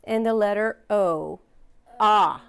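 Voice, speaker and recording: A woman's voice: on the high side, measured pace. A woman teaching a phonics lesson, patiently sounding out letters and words and encouraging her learners.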